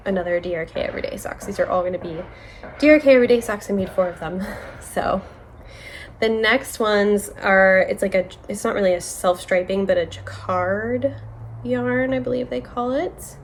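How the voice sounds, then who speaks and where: A young woman chatting casually on her knitting vlog, rambling with many fillers and quick self-corrections. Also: medium pitch, a little hiss or hum. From United States. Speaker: knitting vlogger. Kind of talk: casual show-and-tell chat.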